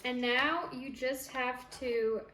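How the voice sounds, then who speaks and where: A woman's voice: high-pitched, slow pace, very noisy. Chatty young woman in an echoey kitchen. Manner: chatty, relaxed, explaining as she goes. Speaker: home baking vlogger. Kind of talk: casual step-by-step cooking chat. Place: home kitchen.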